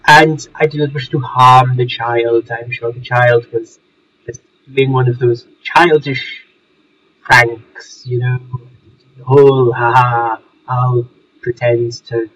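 A man's voice: medium pitch, steady tone, slow, a bit bright, slight background noise. Man acting a fussy showman, distant and muffled. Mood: fussy, conciliatory. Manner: florid, old-fashioned wording with hesitant restarts. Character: long-lived, fussy, mild-mannered male showman. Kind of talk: in-character tabletop role-play. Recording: distant, muffled mic with music underneath.

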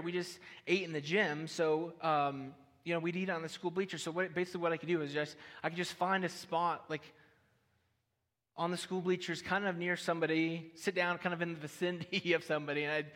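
Male preacher, story-driven sermon with gentle humor, slightly high voice, long hall reverb. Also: steady tone, fairly quick. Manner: personal storytelling with light humor, addressing the audience.

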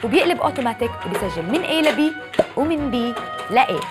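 A woman with a Levantine Arabic accent tells things like a playful folk tale, her high voice swinging in lively melody. She leans on rhyming phrases as a podcast host reading a script, with music running behind her. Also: quick pace.

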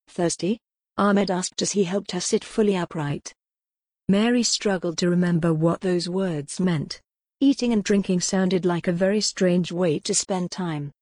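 Low-voiced woman narrating a gothic novel. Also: darkish tone, no echo, studio quality. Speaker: audiobook narrator. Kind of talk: scripted narration.

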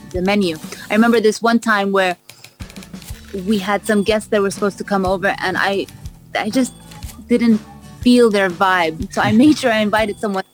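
A woman raised in Canada, speaking as a guest in a radio interview. She talks with open enthusiasm at a medium pitch and often stops to rephrase herself. Faint music sits under her voice. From raised in Vancouver, Canada. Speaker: cookbook author, interview guest.

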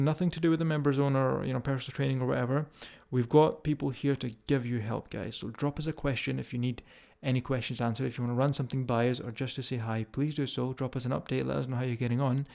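A man's voice: mid-range voice, vocal fry, a little mellow. A man with a strong Scottish accent, talking informally and directly to listeners as a fitness coach hosting a podcast. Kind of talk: casual motivational podcast talk.

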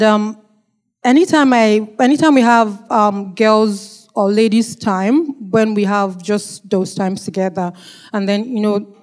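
A woman with a non-local accent speaking careful, deliberate English as she gives a personal testimony to her congregation. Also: mid-range voice, darkish tone. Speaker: church member giving a testimony.

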